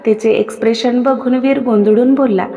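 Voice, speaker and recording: A woman narrating a romantic story in a steady, expressive reading voice. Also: on the high side, normal speed, long reverb tail.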